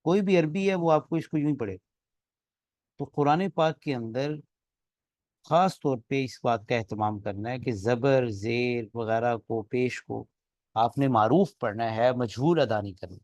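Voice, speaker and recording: A man gives a classroom lecture on Quran recitation at a middle pitch, explaining the rules one at a time. He keeps stopping to chant sample words aloud, stretching them to show correct and wrong sounds. The recording is close and dry, with no room echo. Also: a little mellow. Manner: explains step by step, models recitation examples aloud. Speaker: tajweed teacher.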